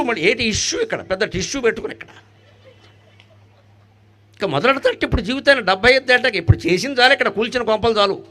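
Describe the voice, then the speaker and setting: High-voiced animated male preacher. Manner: humorous, with rhetorical questions and chanted Sanskrit verses; swings between loud animated bursts and soft low asides. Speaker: spiritual discourse speaker. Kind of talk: devotional discourse.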